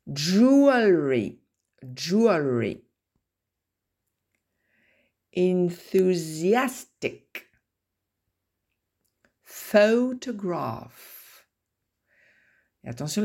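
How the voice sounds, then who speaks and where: A woman teaching English pronunciation from a lesson book, reading words slowly with long pauses so learners can repeat. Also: lowish voice, dark tone, breathy edge. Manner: slow, deliberate, pausing between words. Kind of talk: recorded pronunciation lesson, reading word lists.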